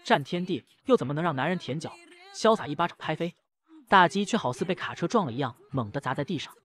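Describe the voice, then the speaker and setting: A man narrating a dramatic comic recap with rapid, punchy storytelling. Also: fairly high pitch, animated, fairly bright tone.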